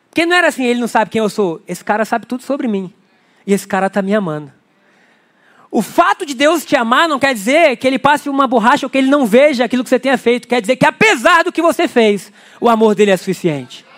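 A man's voice: extremely high pitch, fairly bright tone. A man with a Brazilian accent preaching a sermon in a chatty way, often putting questions to the congregation. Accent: Brazilian Portuguese. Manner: conversational, asking the congregation questions. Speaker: pastor.

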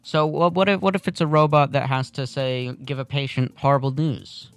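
A man's voice: medium pitch, steady tone, moderate pace, no echo, soft background music. A man hosting a casual morning radio interview in a studio, questioning his guest and pushing back on the answers, his voice rising when he is worried. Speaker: radio show host.

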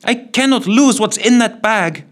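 A man's voice: high-pitched, unhurried. A man voicing a proud, determined young woman in a storybook, speaking sternly and resolutely.

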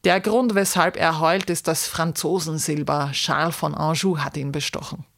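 A woman doing a taunting, shouting sinner. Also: deep voice, steady tone, normal speed, creaky, dry recording, clean studio sound, exaggerated voice. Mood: mocking shout. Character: mocking male sinner stuck in ice.

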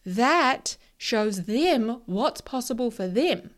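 A woman's voice: fairly high pitch, expressive, slow pace. A woman with a broad New Zealand accent giving a casual motivational talk as a coach, telling personal stories in an emphatic, sweary, informal way and often checking in with the listener. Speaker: mindset coach and presenter.

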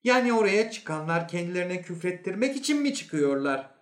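Guy reading a story doing a prim inspector dude shrieking back high and loud, echoey room. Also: big pitch swings, moderate pace. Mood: indignant shouting. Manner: shrill, indignant shouting. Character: shouting, prim inspector-like middle-aged man.

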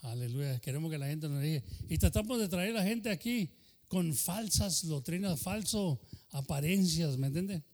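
Man, pastor, fervent bilingual sermon, high voice. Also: expressive, normal speed, darkish tone. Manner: switches between Spanish and English mid-sentence; fervent preaching punctuated by "aleluya" and "hermano".

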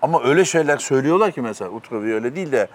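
A man's voice: medium pitch, lively intonation, racing. A middle-aged man hosting a casual chat, telling stories animatedly and laughing often. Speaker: host.

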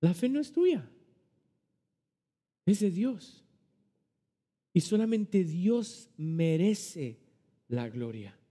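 A man preaches a sermon with a fairly high but mellow voice, pressing hard on some phrases and sinking soft on others. His voice rings with the long reverb of a church hall. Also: sing-song, very slow, pauses often. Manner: emphatic preaching, rising and dropping in loudness. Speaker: pastor.

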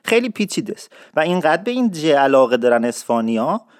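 A man hosts a casual dialect lesson, his voice sitting a little high. He explains patiently, drawing example words out slowly and slipping in playful asides. The sound is dry and close, with no room around it. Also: sing-song, dry recording. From Isfahan, Iran. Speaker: host and dialect teacher. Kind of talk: informal radio-style language lesson.

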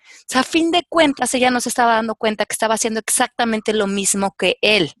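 A woman, a life coach giving slow, calm, instructive advice on a talk panel. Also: on the high side, no echo, studio quality.

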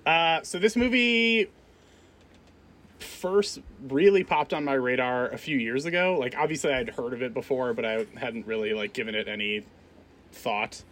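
A man's voice: medium pitch, moderate pace, a bit bright. A man in his thirties hosting a film podcast in casual chat, laughing often and restarting his phrases. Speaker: podcast host.

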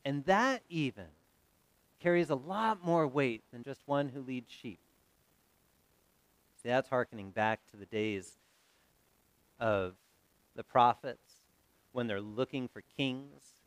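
A man preaching a sermon as pastor, in a conversational style that swings from loud to soft. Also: mid-range voice, takes it slowly, long pauses, no echo.

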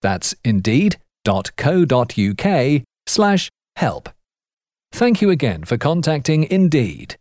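Man for automated phone lines: polite, measured, animated intonation, very dry. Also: on the high side, no echo. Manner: measured, polite, evenly enunciated. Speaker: voice-over artist. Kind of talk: scripted phone-system prompts.

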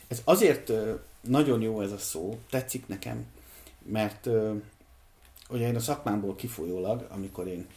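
A middle-aged man raised in Hungary, a singer, talking in a casual discussion in a reflective, measured way, pausing to think aloud. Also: mid-range voice, a little mellow. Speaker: podcast guest, singer.

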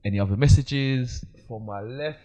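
A man's voice: mid-range voice, normal speed, warm tone. A man hosting a casual panel chat, explaining himself insistently in slangy speech. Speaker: podcast host.

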